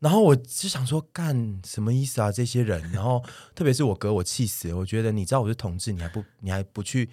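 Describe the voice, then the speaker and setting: Fast-talking young Taiwanese Mandarin man. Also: fairly low pitch. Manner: animated storyteller, acts out his own shouting in quotes. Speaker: podcast co-host. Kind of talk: casual chat, storytelling.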